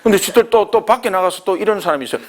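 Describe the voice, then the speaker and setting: Animated male pastor teaching a class. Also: high voice, rapid-fire, very noisy. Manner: animated, acts out dialogues, laughs along.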